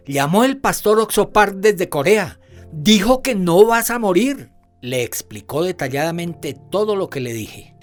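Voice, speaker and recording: An interpreter delivering a sermon in the first person, preaching fervently with emphatic, repeated assurances. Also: medium pitch.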